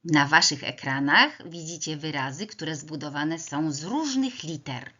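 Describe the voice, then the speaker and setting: A woman teacher giving a first-grade reading lesson, slowly sounding out words letter by letter for young children. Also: low-pitched, pushed and bright. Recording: dull lo-fi sound.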